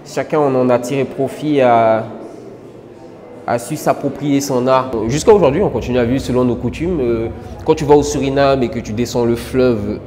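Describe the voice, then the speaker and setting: A man's voice: mid-range voice, normal speed, warm tone, long reverb tail. A man from French Guiana in a casual interview, earnest, with many filler words and restarts. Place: indoor exhibition gallery.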